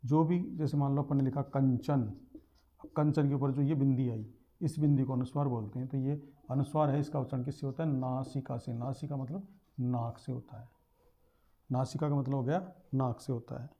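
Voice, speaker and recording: A man's voice: mid-range voice, fairly even intonation, moderate pace, warm tone. A man teaching a lesson, explaining step by step, repeating terms and sounding out letters.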